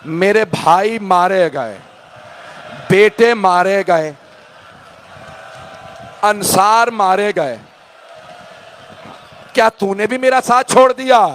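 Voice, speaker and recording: A man voicing a sorrowful leader who laments, deep and slow, that he has lost everyone. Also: expressive, slight background noise. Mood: grief-stricken.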